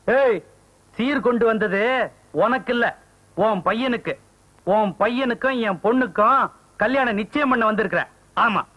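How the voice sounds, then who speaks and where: A man's voice: very high voice, moderate pace, long pauses, dull audio. An actor playing a blunt, mocking brother-in-law who threatens his sister's husband in a comedy film. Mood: insistent.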